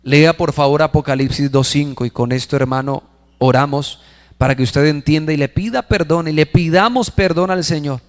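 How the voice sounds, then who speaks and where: Male pastor, sermon, higher-pitched voice, reverberant church hall. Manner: preaching with rhetorical questions, slowing to stress scripture.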